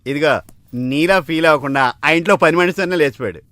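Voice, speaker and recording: A man's voice: fairly high pitch, fast talker, sharp tone, no echo. An actor playing a nosy young servant in a film comedy, needling his master cheekily. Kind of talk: Telugu film comedy acting.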